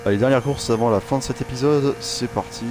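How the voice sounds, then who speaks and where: Talking fast in a mid-range voice, a gaming channel host commentates on his own racing game. He rambles and jokes with lots of fillers and restarts, and game sounds and music make the background noisy.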